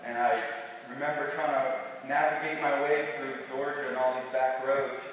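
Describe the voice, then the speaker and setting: A young man giving a rambling, informal best man speech at a wedding reception, telling stories in a halting way. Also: mid-range voice, level tone, a bit bright. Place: reverberant wedding reception room. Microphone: distant microphone in the room. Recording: very echoey hall, distant mic, faint noise.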